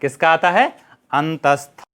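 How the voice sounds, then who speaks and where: A middle-aged man with a Hindi accent leads a Sanskrit grammar class, calling out letters one by one. He speaks very slowly in a slightly high voice, often posing a question and answering it himself. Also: fairly bright tone, a little hiss or hum. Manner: drills sounds, asks and answers his own questions; slow, deliberate recitation of letters. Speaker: Sanskrit teacher.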